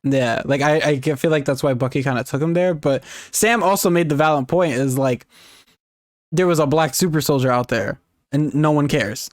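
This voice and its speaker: A man co-hosting a gaming podcast, chatting excitedly, swearing freely and laughing often. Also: on the high side, moderate pace, no room sound, studio quality. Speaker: podcast co-host. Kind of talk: casual chat.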